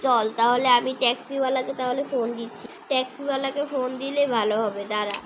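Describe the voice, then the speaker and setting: Woman, one-person story, chatty, bossy, high voice, background noise. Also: fairly even intonation, fast talker. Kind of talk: acting out a story alone. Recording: noisy home recording.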